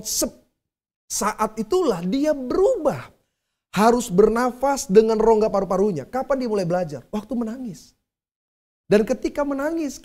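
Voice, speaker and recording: Male pastor, mellow warm voice, relaxed conversational sermon delivery straight to the congregation. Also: high voice. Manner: conversational preaching, addresses the congregation directly.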